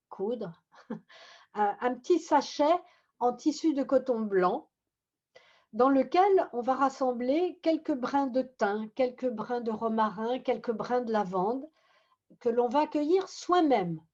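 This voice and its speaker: A woman leading a group meditation on a video call, talking gently and unhurriedly, often restarting her phrases. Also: high voice, lively intonation, slow. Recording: muffled video-call audio.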